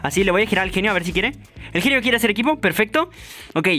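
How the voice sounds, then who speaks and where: A young man giving playful, excitable gameplay commentary to his viewers. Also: high-pitched, fast, soft background music. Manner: excitable, playful, addresses viewers, shouts at big moments. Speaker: gaming YouTuber.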